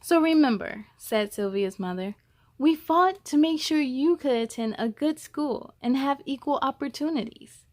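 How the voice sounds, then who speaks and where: Hosting a read-aloud session for kids, a woman with a fairly high voice reads a picture book. She is deliberate and expressive, emphasizing key words as a storyteller does for young listeners.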